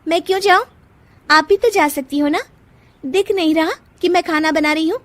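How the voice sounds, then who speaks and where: Woman as a feisty young bride, high-pitched. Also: fairly bright tone, dry recording. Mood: defiant. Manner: indignant, quick to argue. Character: feisty, defiant young newlywed daughter-in-law. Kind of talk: Hindi moral cartoon voice acting.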